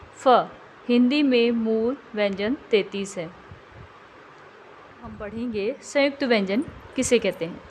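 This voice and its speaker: A woman tutor narrating a scripted grammar lesson, slowing down and stretching out each example word. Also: a little high, slight background noise. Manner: slow, carefully drawn-out example words.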